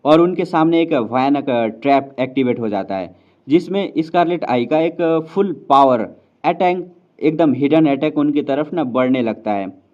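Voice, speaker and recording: A man's voice: on the high side, a little slow. A man casually narrating a fantasy novel recap, chatty and addressing viewers as friends. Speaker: storyteller explaining a novel. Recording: slightly dull lo-fi sound.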